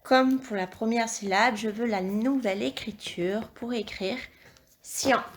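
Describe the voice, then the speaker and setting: A woman teacher with a slightly high voice leads a dictation for young children. She speaks slowly and lays out every syllable with care. Her instructions stay patient and encouraging throughout. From France. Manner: slow, clear, articulated dictation with encouraging instructions. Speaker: primary school teacher.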